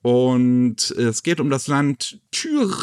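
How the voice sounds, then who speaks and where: A man hosting a casual podcast, presenting anime news in a relaxed, chatty way with plenty of fillers. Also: mid-range voice, very slow, dry recording, clean studio sound. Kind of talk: casual chat.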